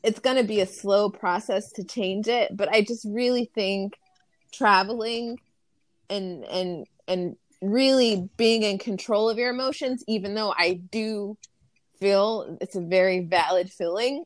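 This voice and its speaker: A woman's voice: medium pitch, measured pace, dry recording. A woman talking frankly and bluntly in a casual conversation, swearing freely.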